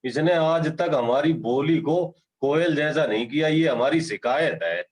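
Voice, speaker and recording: A man's voice: a little high, expressive, measured pace, low-quality recording. A man from Noida, a participant on a video call, rambling in lavish praise and calling the host sir again and again. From Noida, India. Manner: effusive, rambling, keeps addressing "sir". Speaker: participant giving feedback.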